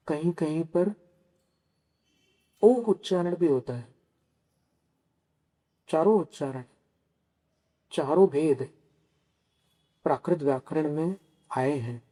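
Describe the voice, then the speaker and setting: Slow, dark-voiced man teaching in a sermon. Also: a little high. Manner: slow, teaching, poses questions to listeners and answers them; carefully spells out pronunciations. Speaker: Jain monk giving a scripture discourse. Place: Kolhapur.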